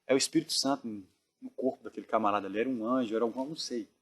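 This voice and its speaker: A man earnestly retelling a dream in casual storytelling, often dropping his voice to a hush. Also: mid-range voice, racing, breathy edge. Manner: earnest, drops to hushed tones when reliving tense moments. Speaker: dream narrator.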